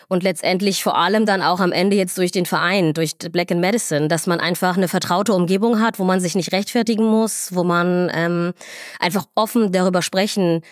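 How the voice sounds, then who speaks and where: A young woman, a resident doctor, speaking reflectively with many pauses and fillers in a podcast interview. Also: on the low side, dry recording, clean studio sound. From Somalia, raised in Germany. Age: young adult. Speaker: resident doctor in gynecology and obstetrics.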